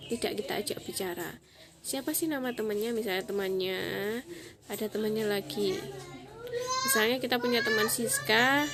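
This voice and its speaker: A woman teacher, giving a slow, clear lesson to young children, spelling letters out and singing the alphabet. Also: on the high side. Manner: slow, clear spelling and sung alphabet, Javanese-polite asides. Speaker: primary school English teacher.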